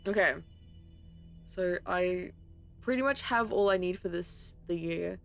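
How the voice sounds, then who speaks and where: Gravelly-voiced woman streamer muttering while playing. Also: on the low side, a little slow, faint music behind. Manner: talks to herself, frustrated, swears a lot. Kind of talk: casual gaming commentary.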